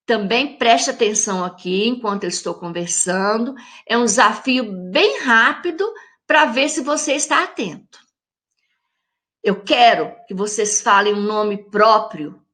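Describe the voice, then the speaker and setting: A Brazilian woman teacher with a Brazilian Portuguese accent, giving a lesson to young pupils and stretching each example word out slowly. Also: mid-range voice, fairly bright tone. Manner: slow, drawn-out syllables when saying example words; addresses young pupils directly, friendly teacher tone. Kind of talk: recorded classroom lesson for children.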